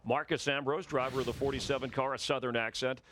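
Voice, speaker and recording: Brisk, bantering man in his fifties. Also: mid-range voice, fairly even intonation, a bit bright, slight background noise. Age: 50s. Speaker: pre-race show host. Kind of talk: live sports broadcast hosting.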